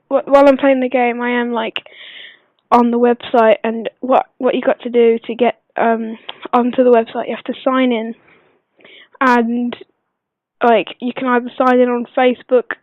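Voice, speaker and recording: A woman who is unwell gives a casual gameplay tutorial voice-over, speaking quietly but clearly in a hesitant, rambling way. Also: a little high, level tone, normal speed, no echo. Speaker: gaming video maker. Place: voice-over recorded at a computer. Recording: dull lo-fi computer recording, dry.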